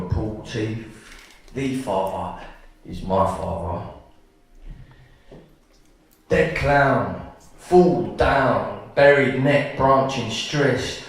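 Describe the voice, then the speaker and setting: Slow, rhythmic man reciting poetry. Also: mid-range voice. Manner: rhythmic, measured recitation with offhand asides. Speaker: spoken word poet. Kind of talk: live poetry performance. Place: live performance venue. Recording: echoey venue, mic from far off.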